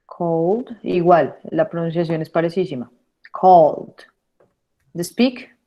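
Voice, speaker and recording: Woman teaching English, slow and deliberate. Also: fairly low pitch, dull audio. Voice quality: repeats words slowly to model pronunciation. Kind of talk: online English lesson.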